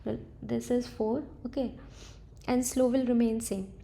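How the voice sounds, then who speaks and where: A woman's voice: on the high side, fairly even intonation, a little slow, gravelly, warm tone. A woman thinking aloud as she works through a coding problem, hesitant and correcting herself as she goes. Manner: hesitant, tentative, self-correcting. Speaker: coding tutor.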